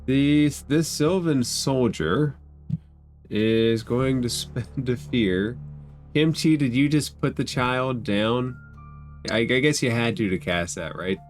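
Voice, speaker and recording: The game master, medium-pitched and unhurried, narrates the fantasy tabletop session, making up descriptions and rulings for the players as he goes. Instrumental music runs under his voice.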